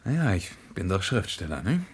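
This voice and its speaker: An actor playing a thoughtful, wry writer abroad who explains things in a radio drama. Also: male voice, low-pitched, sing-song, a little fast, breathy edge, exaggerated voice.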